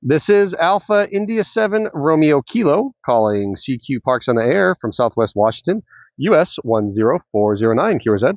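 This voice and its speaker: A man's voice: fairly high pitch, very animated, moderate pace, no room sound, highs cut off. A man making a ham radio call from a park, repeating CQ and spelling his call sign in the phonetic alphabet.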